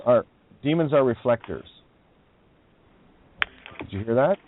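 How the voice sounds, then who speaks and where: A man's voice: medium pitch, expressive, unhurried, noisy background. Preachy man on a breaking-up call line. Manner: intense, preachy, laughs at own points. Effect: call audio breaking up. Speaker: online radio host. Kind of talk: rambling call-in talk. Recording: tinny phone-line call audio.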